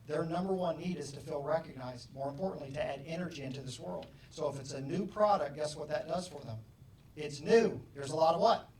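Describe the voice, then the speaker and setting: A middle-aged man giving an animated motivational talk to an audience, acting out bits of dialogue with loud bursts. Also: on the high side, a little hiss or hum. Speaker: motivational speaker. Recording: roomy, distant hall mic, faint ambience.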